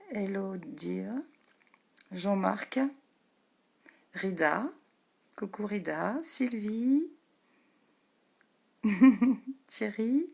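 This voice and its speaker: A gravelly, husky-voiced woman hosts a live stream as an energy healer and meditation guide, greeting people by name in an unhurried, gentle way. She laughs often, lapses into soft whispers, and says her voice is low.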